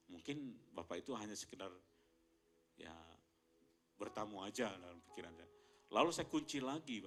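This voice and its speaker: Indonesian pastor telling a lively testimony. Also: male voice, lowish voice. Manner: storytelling, addresses congregation as Bapak Ibu, rises to loud excited peaks. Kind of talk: sermon testimony.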